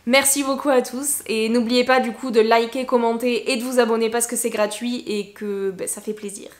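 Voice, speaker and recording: A woman whose first language is French, teaching English pronunciation in a bilingual lesson and slowly drawing out example words. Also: fairly high pitch, steady tone. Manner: switches between English and French, slow drawn-out examples. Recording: echoey room.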